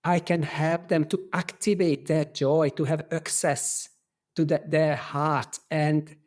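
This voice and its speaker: A middle-aged man from Hungary with a strong Hungarian accent, a podcast guest who talks in an earnest, halting way. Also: fairly high pitch, flat delivery, darkish tone. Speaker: podcast guest, qigong instructor.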